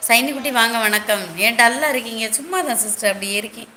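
A woman's voice: on the high side, quick pace, bright, forceful tone, roomy sound, a little hiss or hum. A woman hosting a casual live stream, greeting viewers by name one after another and asking how they are.

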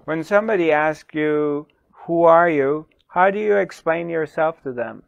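A middle-aged man, a spiritual teacher, speaking slowly to the camera with long pauses and repeated questions, on a lapel mic in a small studio. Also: a little high, vocal fry, clean tone, no room sound, highs cut off. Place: small dark studio, indoors.

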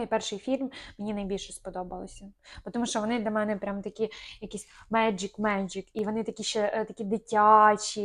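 A young woman co-hosting a casual chat, talking easily with lots of fillers and small hesitations. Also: medium pitch. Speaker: podcast co-host.

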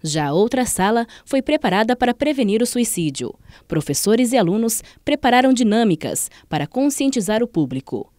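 A woman's voice: on the high side, sing-song, moderate pace, a little mellow. Woman reading a news voice-over. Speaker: news reporter. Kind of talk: scripted news narration.

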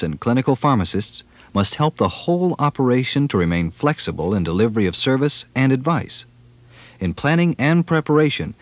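A man reading formal, scripted documentary narration in a measured way. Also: mid-range voice, dry recording.

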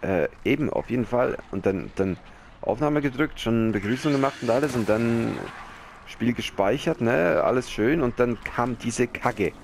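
A man giving casual let's-play commentary, excitable and rambling and now and then swearing. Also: medium pitch, normal speed, vocal fry. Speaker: gamer. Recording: noisy game capture.

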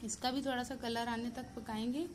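A woman with a Pakistani Urdu accent, hosting a cooking channel, calmly talking through each step of a recipe in a voice-over. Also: a little high, normal speed, background noise. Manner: steady step-by-step instructions mixed with English words.

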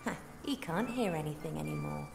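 A woman voicing a young, plucky, polite elf princess in a video game, expressive and articulate. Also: low voice, a little fast, gravelly, soft background music, full character voice. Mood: pointed. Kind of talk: video game character acting.

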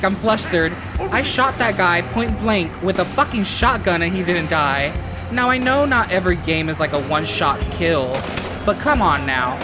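A woman giving casual let's-play commentary on a shooter, frustrated and swearing often as she rants about her plays. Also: lowish voice. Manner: frustrated, swears a lot, ranting. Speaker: gaming YouTuber.

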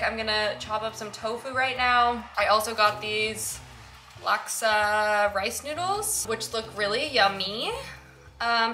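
A young woman in her twenties with a slightly raspy voice, chatting casually to camera in her apartment kitchen, full of "like" and "um". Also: on the high side, slight background noise, rough recording. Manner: chatty, relaxed, lots of "like" and "um". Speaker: vlogger. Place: small apartment kitchen, indoors.

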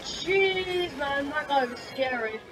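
A woman with a high, expressive voice takes her time as she hosts a racing game playthrough, her voice a little scratchy from a sore throat. She chats casually and exclaims while concentrating on the game. Loud game music and engine sounds play underneath.

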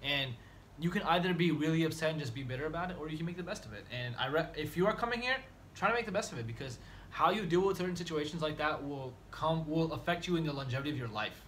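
An American medical student in his twenties, appearing as a guest, chats casually and somewhat slangily in a small dorm room and laughs easily. His voice is a little high and fairly bright, and he talks quickly. A slight background noise can be heard.

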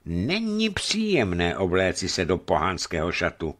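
A man voicing an earnest, quick-tempered companion who speaks emphatically. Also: sits low, huge pitch swings, fairly bright tone, heavily acted.

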